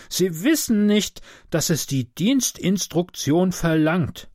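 Man voicing an officious storybook conductor, stiff, timid, slow and deliberate, dry sound. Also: sits high, lively intonation, a little mellow, no room sound, pitched above the performer's own voice, exaggerated voice. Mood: grumbling. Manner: stiff and officious, quick to back down. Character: officious, timid middle-aged male train conductor.

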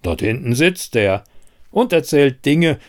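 A man's voice: medium pitch, very animated, slow pace, darkish tone. A man voicing a skeptical village man who talks in a dry, scoffing way.

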